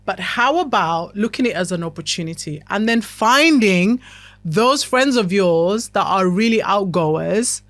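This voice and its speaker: A podcast host with a medium-pitched, fairly bright voice delivers a motivational self-help talk at a measured, expressive pace. She's chatty and talkative, constantly checking in with her listener, and the recording has no room sound.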